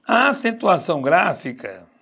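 Speaking in a high, slightly bright, husky voice with big pitch swings at normal speed, a Brazilian man teaches online Portuguese exam prep. He hammers home key points by repeating them and keeps checking in with his students, asking "tá certo?"

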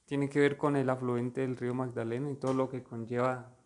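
A Colombian man with a mid-pitched voice explains ideas about art in a calm, measured way. His intonation stays flat and even throughout. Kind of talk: casual conversation about art.

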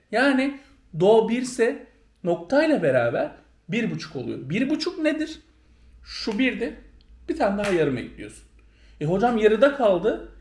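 A music teacher with a mid-range, darkish voice gives a violin lesson, counting beats aloud and calling out note names. The room is echoey with faint noise.

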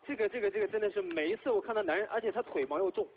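Young male singer, high and expressive, playful banter, tinny lo-fi recording. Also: rapid-fire, slight background noise. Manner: animated, laughing, teasing. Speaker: singer guest on stage. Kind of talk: playful stage chat. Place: concert stage.

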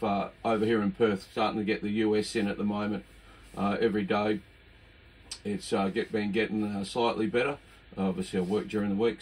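An older Australian man with a low voice presents his own video from a home radio desk, offering casual unscripted commentary. The room is noisy, with CB radio hiss and static in the background.

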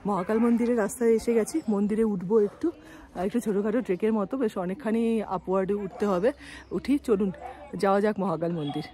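A woman's voice: mid-range voice, quick pace, warm tone. A woman travel vlogger from India chatting with viewers and guiding them around, with music playing behind her. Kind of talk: travel vlog, voice-over and on-the-spot talk. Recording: background music under the voice.

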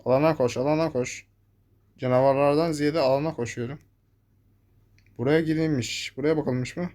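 A man's voice: a little high, fairly even intonation, normal speed, a little mellow. A young man giving live gameplay commentary, talking to his viewers and cursing at the enemies that chase him. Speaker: gameplay streamer.

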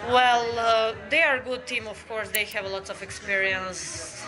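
A young woman footballer from Serbia with a Serbian accent, answering post-match questions in halting non-native English with small laughs. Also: medium pitch, fairly even intonation, music in the background, rough recording. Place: indoors by a brick wall after a match. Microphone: handheld mic on a stand near the chin.

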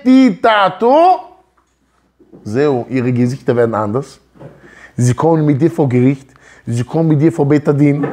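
A man in his thirties delivers a lively, emphatic Torah lecture, his pitch leaping up and down as he fires rhetorical questions at his listeners. His voice sits somewhat high for a man and has a husky edge. He is recorded close on a lapel mic in a small office room. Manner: emphatic, gesturing, rhetorical questions, mixes Hebrew words. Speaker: Torah teacher. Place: office room with wooden wall.

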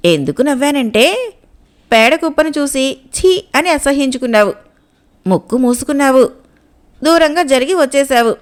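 A woman voicing a young, sharp-tongued sea maiden in a storybook reading, speaking calmly as she tells plain truths. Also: high-pitched, normal speed, pauses often. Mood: knowing, scornful.

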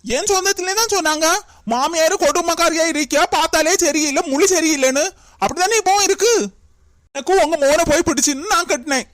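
A woman's voice: very high-pitched, fairly quick, no echo, studio quality. A woman voicing a young daughter-in-law in a cartoon, arguing back defensively and pleading her case. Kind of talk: cartoon comedy voice acting.

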